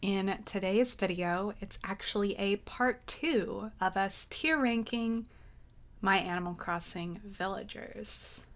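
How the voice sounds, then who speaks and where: A woman's voice: medium pitch, slow. A woman giving her casual, dryly sarcastic take as she ranks game characters in a tier-list vlog. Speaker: gaming video creator.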